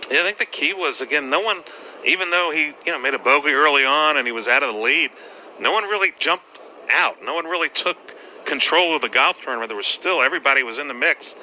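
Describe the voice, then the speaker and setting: A man works as a golf commentator, explaining play conversationally in a very bright, tense voice. Faint outdoor noise sits behind him. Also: a little high, expressive, fast talker, low-quality recording.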